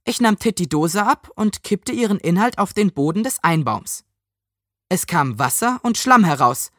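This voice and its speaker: Lively woman reading a children's story. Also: fairly low pitch, normal speed, dry recording, studio quality. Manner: animated, lively narration.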